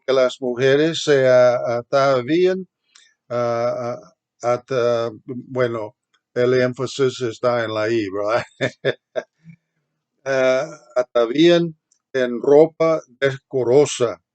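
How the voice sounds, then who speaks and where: A man's voice: mid-range voice, a little mellow. A man teaching a seminary Bible lesson, earnest and hesitant, with many filler sounds and restarts as he addresses his listeners as brethren.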